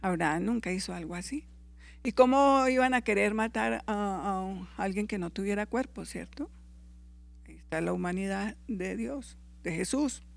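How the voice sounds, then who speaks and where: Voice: medium pitch, moderate pace, vocal fry, no room sound. Dry, close Bible teacher. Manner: reads scripture aloud and corrects its own verse references; checks in with listeners with short tag questions. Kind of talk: Bible class lecture.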